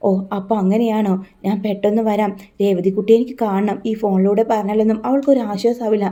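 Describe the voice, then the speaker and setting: A woman's voice: mid-range voice, fairly even intonation, fast, warm tone, lightly acted. A woman voicing a devoted young woman who earnestly reassures the girl she treats as her sister.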